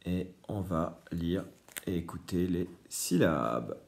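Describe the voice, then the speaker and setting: A man's voice: low voice, animated, slow pace, gravelly, darkish tone. A man teaching a reading lesson to young children, patiently explaining each word. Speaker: primary school teacher.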